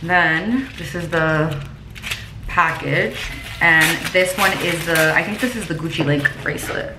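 Speaking a little slowly in a deep voice, a young woman with a lisp and whistly s sounds chats as a home vlogger. A camera mic at roughly arm's length picks her up in echoey rooms with noticeable background noise.

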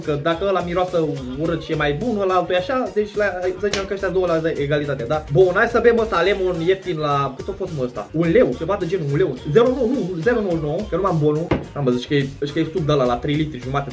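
Young man, high-pitched voice, joking and slangy, faint music behind. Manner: joking, exaggerated, slangy, addresses viewers directly. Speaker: vlogger. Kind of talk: casual food taste-test vlog. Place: at home indoors.

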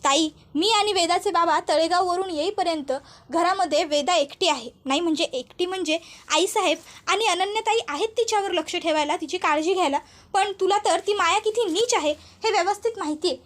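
An eager young wife full of questions, played by a woman narrating, her voice pushed very high above ordinary talk. She presses on quickly, earnest and anxious. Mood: urgent. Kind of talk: storytelling voice acting.

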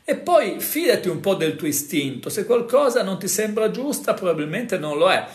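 A man's voice: high voice, big pitch swings, normal speed, reverberant. A man hosting a casual talk, explaining things to viewers in a conversational way, full of fillers and tag questions. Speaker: host.

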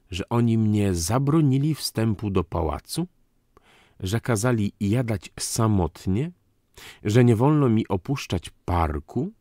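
A man reading an audiobook voices a proud, unstable aristocratic count who bursts out in indignant, theatrical shouts. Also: on the low side, dry recording, studio quality, pitched above the performer's own voice. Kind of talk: audiobook character voice.

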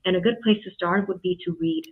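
A young woman from Vietnam, a university student on an advice panel, speaking in a thoughtful, measured way. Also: medium pitch, very animated, creaky, slightly rough. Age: young adult. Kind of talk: advice panel on a video call. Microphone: webcam video call. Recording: tinny lo-fi call audio.

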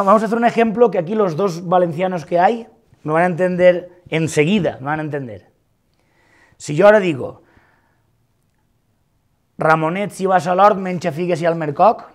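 A man giving a university lecture on philosophy of music, arguing emphatically and repeating words for stress. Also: high-pitched. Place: large lecture hall.

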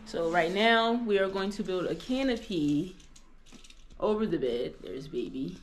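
A woman vlogging in casual chat, loud and profane, laughing often. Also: on the low side, lively intonation, unhurried, a little hiss or hum. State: out of breath.

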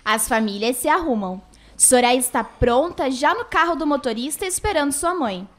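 A woman's voice: high voice, expressive, normal speed, fairly bright tone. A woman reading scripted narration for a radio soap opera in the manner of an old radio show.

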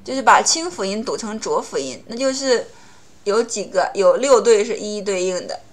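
Woman, pronunciation teacher, explanatory, slow repeated example words, language lesson. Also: mid-range voice. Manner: explains rules in Chinese, then repeats English example words slowly.

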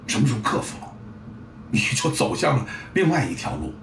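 Gravelly and a bit bright, this middle-aged football coach's medium-pitched voice moves fairly quickly with big pitch swings. He acts out sounds and scenes in a blunt, salty monologue, recorded roomily from a distant mic with faint ambience and slight background noise.

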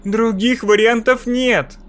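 A man's voice: high-pitched, voice pushed up. Man putting on a menacing mirror spirit woman. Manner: slow, loud and menacing. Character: sinister female spirit in a mirror.

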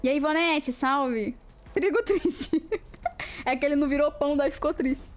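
A woman's voice: high-pitched, normal speed. A woman with a Brazilian Portuguese accent chatting casually on a live stream, playful and giggly, greeting viewers by name and laughing as she trips over tongue twisters.

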